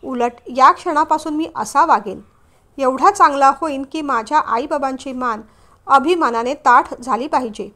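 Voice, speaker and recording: A guilty teenage boy begs his parents to forgive him, his voice tearful and pleading, as a woman acts him out in a storybook reading. The voice sits high. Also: measured pace, a bit bright. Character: remorseful teenage son begging forgiveness.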